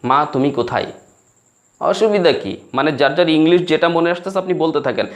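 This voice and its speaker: A man's voice: fairly high pitch, moderate pace. A Bengali-speaking man teaching spoken English, explaining in Bengali and acting out broken English phrases.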